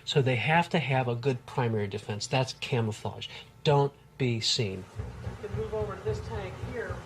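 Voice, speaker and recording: A man's voice: mid-range voice, lively intonation, moderate pace. A man speaking as a scientist in a documentary, explaining in an enthusiastic, marveling way without a script. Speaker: marine biologist, interview subject.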